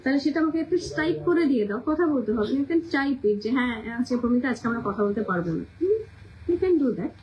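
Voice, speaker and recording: Chatty high-voiced Kolkata Bengali woman. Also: expressive, fast talker, highs cut off, a little hiss or hum. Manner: chatty, repeats every weight and price twice. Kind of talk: casual live-stream sales chat.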